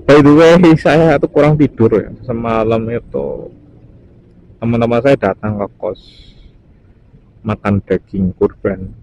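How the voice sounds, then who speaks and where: Riding on a highway, a young male motovlogger commentates casually to his viewers in a mid-range, darkish voice, a little slow and with long pauses. The audio from his helmet mic is poor, with clear engine and traffic noise.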